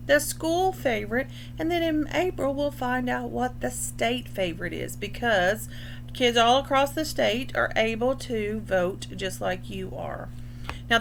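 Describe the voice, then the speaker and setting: Reading a picture book to young children, a woman speaking as a school librarian has a somewhat high, slightly bright voice, with a little background noise. She stops to define words and explain things in an instructional way.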